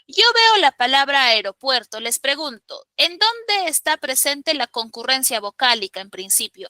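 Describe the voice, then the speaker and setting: A woman's voice: sits high, bright, forceful tone, no echo, poor audio. A woman teacher leading a classroom grammar lesson, emphatic and quizzing her students step by step. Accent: Peruvian Spanish.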